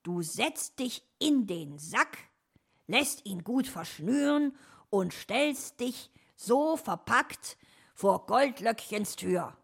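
A woman's voice: fairly high pitch, expressive, slow, husky, voice pushed up, exaggerated voice. A woman voicing a sly male fox in a storybook, scheming and pleased with his own plans.

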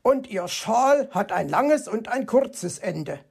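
A reader voicing a cheeky, jovial male fox who teases his friend, in a raised pitch for a storybook reading. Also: animated, takes it slowly, creaky, darkish tone, breathy edge, exaggerated voice. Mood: teasing. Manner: teasing, laughs at others.

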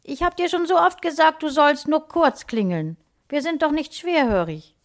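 A woman's voice: fairly high pitch, expressive, moderate pace. A woman voicing a stern mother in her late thirties who scolds her children firmly. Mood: scolding. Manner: firm scolding tone.

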